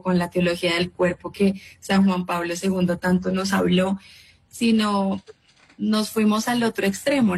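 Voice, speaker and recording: A woman in her thirties tells her faith story as a guest, earnest and reflective. Her voice is husky and breathy, and her pitch stays flat and even. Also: poor audio. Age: 30s. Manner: earnest, reflective, with frequent restarts. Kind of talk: personal faith testimony.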